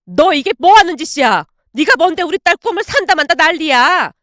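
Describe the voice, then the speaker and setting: Fierce scolding mother, done by a woman narrator for a storytelling video; high, loud and biting, dry close sound. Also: sing-song, normal speed, no echo. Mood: furious. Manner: scolding, shouting. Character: angry middle-aged mother, sharp-tongued and fierce.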